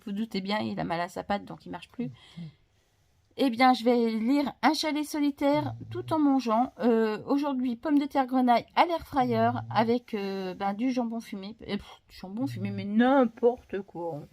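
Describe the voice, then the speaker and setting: A woman with a slightly high voice chats at home in a casual book vlog, rambling with plenty of fillers and restarts. Now and then she breaks off to coax her dog in a tender tone. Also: moderate pace, a little mellow. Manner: chatty, many fillers and restarts, talks fondly to her dog. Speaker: book vlogger.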